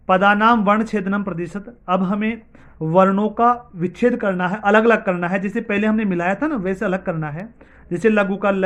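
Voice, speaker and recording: Male teacher, high voice, unhurried, patient drilling for young pupils. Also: a bit bright. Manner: slow, patient word-by-word drilling. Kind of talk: online classroom lesson.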